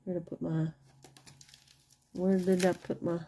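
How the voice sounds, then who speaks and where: In a lowish, husky voice with croakiness and vocal fry, a middle-aged woman murmurs a tired, unhurried late-night show-and-tell at home over a wooden table. Her delivery is flat and repetitive, kept quiet while others sleep, with a little hiss or hum in the recording.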